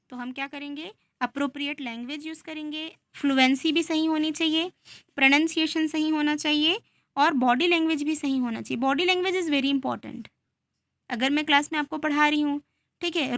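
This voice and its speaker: A woman teacher with a high, light voice walks her class through a lesson, asking a question and then answering it herself. She mixes Hindi and English as she talks, and the recording is close and dry, with no room sound around her. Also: steady tone, moderate pace, a bit bright, no room sound. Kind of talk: classroom lecture.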